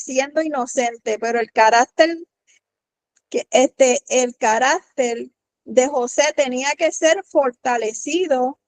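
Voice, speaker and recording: A woman leading a Bible study, speaking haltingly with many restarts and frequent questions to the group. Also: high voice, rough recording.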